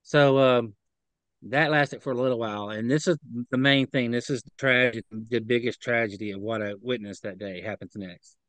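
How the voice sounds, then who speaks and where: Here a man with a medium-pitched, slightly bright voice testifies over a video call as an interview guest. He sounds earnest and halting, repeating words when upset; the audio is poor though echo-free.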